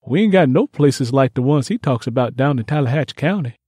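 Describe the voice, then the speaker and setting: In an audiobook, a man reads first-person letters home as an earnest young Mississippi field hand turned soldier, using plain rural phrasing in a reflective mood. His medium-pitched voice is dark with a breathy edge, fairly quick and lively in intonation. The studio sound is clean with no echo.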